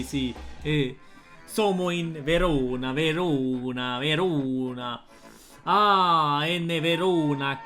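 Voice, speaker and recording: A young man, talking casually to his chat while playing a guessing game, excitable and slangy. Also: fairly high pitch. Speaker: streamer. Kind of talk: casual gameplay commentary. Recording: faint music underneath.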